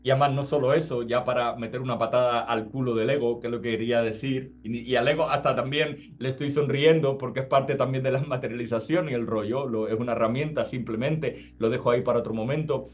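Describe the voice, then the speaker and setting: A man's voice: medium pitch, steady tone, fast, few pauses. Casual man giving spiritual talk. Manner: casual, asks "does it make sense?" often. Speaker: spiritual teacher. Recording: slightly dull sound, faint music.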